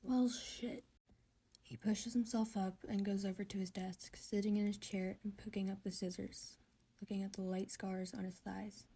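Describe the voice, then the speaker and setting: A woman reading a story aloud in a soft, hushed, intimate whisper. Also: mid-range voice, flat delivery, normal speed, husky. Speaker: fanfiction reader.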